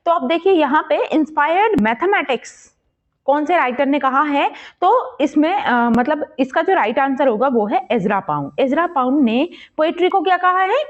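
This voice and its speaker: A woman teaching English literature exam prep, explaining step by step and posing quiz questions, reading English passages slowly. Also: high-pitched, animated, highs cut off. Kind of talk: exam-prep lesson in Hindi-English mix.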